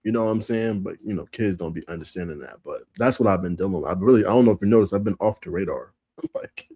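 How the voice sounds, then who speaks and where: A man co-hosting a sports podcast while sick with a sore throat, talking in a relaxed, slangy way. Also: sits low, fast talker, husky, no room sound. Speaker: podcast co-host. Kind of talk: casual sports chat.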